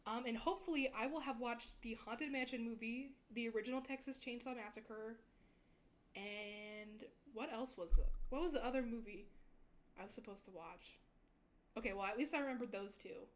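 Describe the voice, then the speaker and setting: A woman's voice: fairly high pitch, moderate pace. A young woman VTuber chatting casually with her stream viewers, rambling and giggling often.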